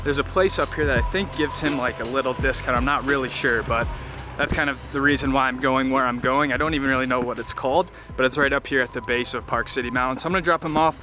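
A young man chats in an easygoing, rambling way, often restarting with a quick "like". His mid-pitched voice is picked up by a small action camera outdoors. Music plays clearly under his words. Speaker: ski vlogger. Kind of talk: casual vlog talk to camera. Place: outdoors on ski slopes and in a parking lot. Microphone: action camera on helmet or handheld.

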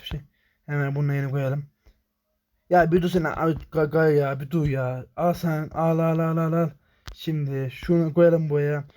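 A young man commentating his own gameplay, talking to himself in rapid muttered repetitions and swearing when frustrated. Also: fairly high pitch, dark tone. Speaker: gamer.

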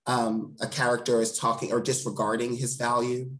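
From home on a video call, a theatre director in his thirties gives an earnest, eloquent interview with emphatic repeated phrasing. His mid-range voice has a flat delivery at a moderate pace, and the audio is poor and a bit bright.

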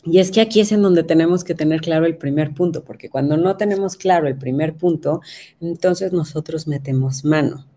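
Mellow low woman telling a story. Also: brisk. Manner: conversational, asks listeners for agreement. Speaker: parenting educator. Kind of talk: personal storytelling talk.

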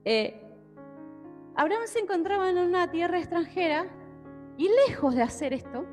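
On a handheld mic in an indoor church hall with a stage, a young Argentine woman with an Argentine Spanish accent preaches and reads from the Bible, regularly checking in with her audience. Her very high voice has lively intonation at a moderate pace. Soft music plays behind her amid the hall's long reverb.

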